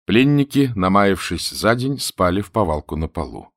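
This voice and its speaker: A male audiobook narrator with a fairly low voice that rises and falls animatedly as he tells a comic story. He is recorded close on a studio mic in a dry booth with no room sound. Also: moderate pace, no room sound. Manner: expressive, lively storytelling. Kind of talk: scripted narration of a humorous novel.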